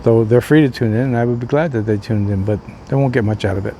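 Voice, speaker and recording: Folksy older pastor, rambling and unhurried. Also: male voice, medium pitch, warm tone, a little hiss or hum. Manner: rambling, folksy, many fillers and restarts. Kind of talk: informal devotional talk.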